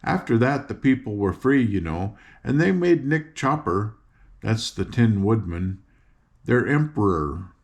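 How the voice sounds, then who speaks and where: In a chatty mood, an older man voices a cheerful young farm girl who patiently explains things while guiding her friends. His lowish voice is sing-song and measured in pace.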